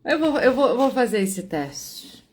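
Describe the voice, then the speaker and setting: A woman casually telling a story, acting out both sides of her phone calls with lively switches of voice. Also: fairly high pitch, unhurried. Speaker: vlogger telling a personal story.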